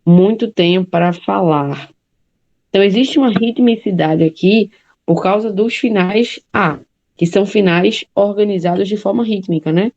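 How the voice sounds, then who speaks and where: Mellow-voiced woman teaching a class. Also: medium pitch, normal speed, lo-fi sound. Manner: explains step by step, often checks in with "né?" and "tá?". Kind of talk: classroom lecture.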